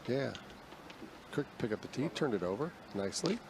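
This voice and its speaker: A man's voice: mid-range voice, animated, normal speed, background noise. A man giving conversational golf commentary as an analyst, explaining things as he goes.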